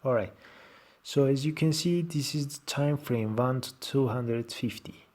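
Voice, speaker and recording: A man with a Turkish accent presenting an informal software tutorial in halting, short fragmented phrases of non-native English. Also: medium pitch.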